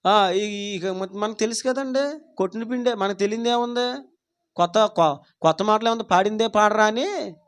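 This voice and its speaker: Preacher, male, very high voice, fervent, keeps challenging the congregation with questions. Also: normal speed, fairly bright tone, clear, resonant tone. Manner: acts out quoted pleas dramatically. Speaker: pastor. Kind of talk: Sunday worship sermon. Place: church service.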